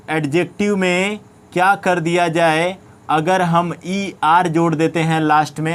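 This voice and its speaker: Indian man teaching, fairly high voice. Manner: repeats questions and answers them himself; keeps checking understanding. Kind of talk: classroom-style grammar lesson.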